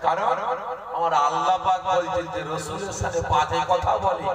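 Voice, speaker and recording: A man preaches a heated sermon in a high, swooping voice, breaking into shouts and laughter. He is recorded from a distance in a large hall with long, booming reverb. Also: fairly even intonation, normal speed. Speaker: Islamic preacher. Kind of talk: fiery sermon. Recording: echoey hall from far off.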